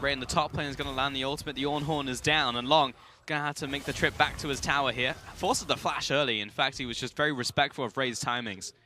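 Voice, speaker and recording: Fast-talking bright male esports caster. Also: medium pitch, fairly even intonation, slight background noise. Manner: rapid play-by-play calling. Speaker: esports commentator. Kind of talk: live esports play-by-play.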